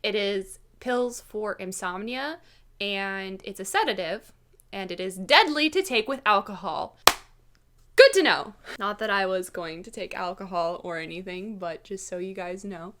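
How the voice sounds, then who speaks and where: A woman with a bright, forceful voice at an average pitch tells a story as a casual vlogger. Her delivery is animated and conversational, as if recounting an anecdote to her viewers and acting out who said what. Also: unhurried. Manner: animated, acts out quoted dialogue.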